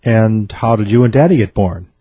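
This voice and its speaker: A man's voice: on the low side, normal speed, mellow, breathy edge, dry recording. A man voicing a curious young boy who keeps asking questions in a joke.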